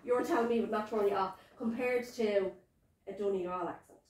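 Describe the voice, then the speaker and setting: A woman's voice: medium pitch, a little fast, darkish tone. An Irish woman talking candidly and informally in a casual, unscripted podcast chat. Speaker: podcast co-host. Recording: echoey room, distant mic.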